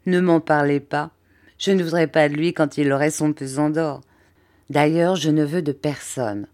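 A woman voicing a devoted, warm-hearted old nursemaid who speaks in blunt, emphatic exclamations. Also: low voice, steady tone, normal speed, natural voice. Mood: laughing, flustered.

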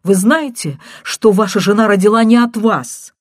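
A woman's voice: lively intonation, a little slow, a little mellow, dry recording, studio quality. A woman reading an audiobook and voicing a distraught, deserted wife who pleads and sobs on a phone call. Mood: frantic, tearful. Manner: shrill, pleading, sobbing.

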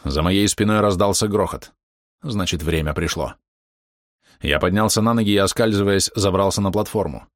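A man giving steady, measured first-person narration of a fantasy audiobook. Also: deep voice, no room sound, clean studio sound.

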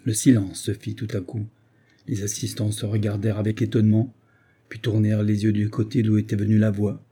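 A man narrating a classic novel in a measured literary reading. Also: on the low side, monotone, mellow, slightly rough. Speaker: audiobook narrator. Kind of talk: scripted narration.

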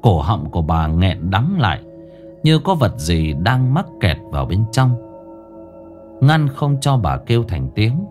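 A man's voice: lowish voice, very animated, unhurried, darkish tone, faint music behind. A man narrating a ghost story with dramatic, swinging delivery.

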